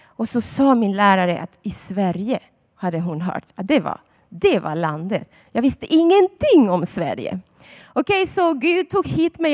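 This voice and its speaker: A woman preaches to a congregation in a fairly high voice, her words ringing out with a long hall reverb. She tells personal stories in a chatty, warm-hearted way and leans into dramatic emphasis on key words. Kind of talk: sermon to a congregation.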